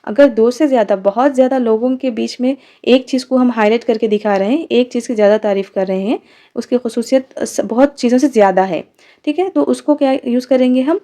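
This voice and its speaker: Female grammar teacher, Indian English accent, slightly high but mellow tone, patient explainer who asks and answers her own questions. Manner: explains in Hindi, reads English examples slowly and asks rhetorical questions; repeats key terms, punctuated by "theek hai". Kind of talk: exam-prep grammar lesson.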